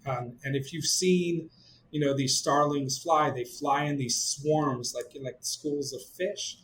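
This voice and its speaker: Captured on a rough recording, a middle-aged glider pilot from Israel speaks at a measured pace in a fairly high pitch. He's animated while recounting stories for a casual interview, stumbling through many fillers and restarts.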